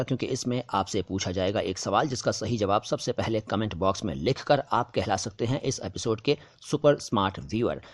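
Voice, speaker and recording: A man hosting a language lesson, patiently explaining how words are pronounced and slowly repeating them for emphasis. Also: fairly low pitch, dry recording. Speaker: language teacher, channel host. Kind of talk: explaining word pronunciation to viewers.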